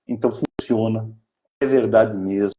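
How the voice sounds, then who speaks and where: A man's voice: on the low side, fairly even intonation, moderate pace, mellow. Enthusiastic Brazilian man telling a story. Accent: Brazilian Portuguese. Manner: chatty, enthusiastic, many fillers and restarts. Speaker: strategic planning mentor for an NGO. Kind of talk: casual live talk, storytelling.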